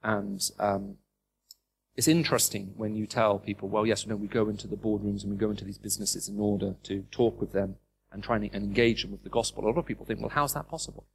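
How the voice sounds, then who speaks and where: A middle-aged man raised in the Middle East, with a British English accent, preaches a sermon to a live audience, emphatic and full of rhetorical questions. His voice is fairly low, steady and gravelly, he speaks fast, and there's slight background noise.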